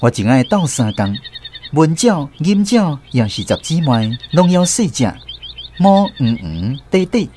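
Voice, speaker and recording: This Taiwanese-accented actor, whose first language is Taiwanese Hokkien, voices a narrator reminiscing warmly about growing up in the countryside for a radio drama. He sounds a little high and dark in tone, very animated yet a little slow, and there's slight background noise.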